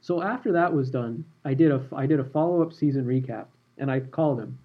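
A man hosting a podcast, telling a story in a relaxed, animated way. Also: medium pitch, a little fast, slightly rough, narrow, tinny audio. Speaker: podcast host and former sports reporter.

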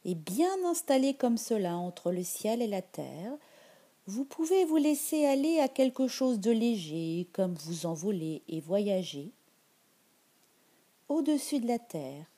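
A woman leading a guided meditation in a soft, soothing voice that drifts into whispers. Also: medium pitch, very animated, takes it slowly.

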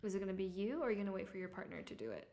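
Podcast guest, woman, mid-pitched voice, earnest coaching advice. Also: big pitch swings, racing, warm tone. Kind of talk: casual advice conversation.

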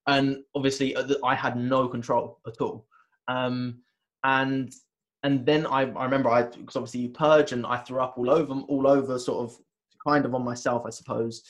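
A man talks as a guest in a conversation. His voice sits at an ordinary middle pitch. He tells a personal story with lots of restarts and fillers, and he acts out the words of his past self. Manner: animated retelling, acting out his own past words; halting, many restarts and fillers. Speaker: interview guest, wellness coach.

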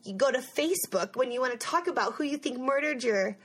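A young woman hosting a podcast, telling a story in a chatty, animated way and saying "like" often. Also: sits high, fairly quick. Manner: chatty, animated, uses "like" a lot. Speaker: podcast host. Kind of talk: casual chat, storytelling.

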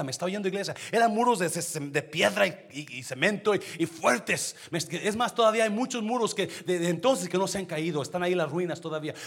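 High-voiced preaching man, husky and bright. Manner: preaches to the congregation, swinging from low murmurs to shouting. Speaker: pastor. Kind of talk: sermon.

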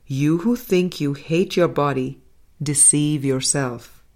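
Her measured reading of a spiritual text sounds like an audiobook, interspersed with her own remarks between passages. This woman speaks slowly in a low, soft voice, her lines often dwindling to quiet endings.

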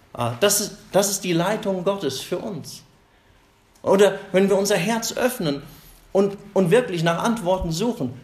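A man's voice: on the high side, echoey room. A man preaching a sermon, telling stories and acting out the excuses of people in quoted voices.

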